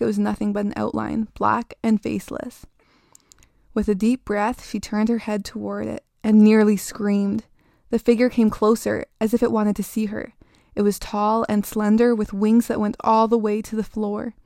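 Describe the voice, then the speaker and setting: A woman host narrating a scripted spooky story in an even, measured reading. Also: medium pitch, vocal fry, no room sound, clean studio sound.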